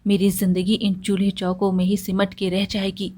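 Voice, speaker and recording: A woman's voice: medium pitch, monotone, moderate pace, warm tone, close to an everyday voice. A woman voicing a tired but determined young village daughter-in-law in a storybook tale, speaking in a pleading way. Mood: weary.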